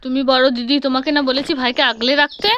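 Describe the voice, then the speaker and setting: A woman playing a mother in a family comedy sketch, scolding and coaxing and repeating words quickly. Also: high voice, fairly even intonation, lo-fi sound, heavy background noise.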